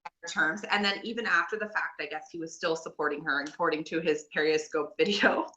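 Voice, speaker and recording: Nova scotia woman doing a casual recap podcast, kinda gossipy n rambly, bright voice a bit on the low side. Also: steady tone, a little fast, highs cut off. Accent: Nova Scotian Canadian. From Nova Scotia, Canada. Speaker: podcast co-host.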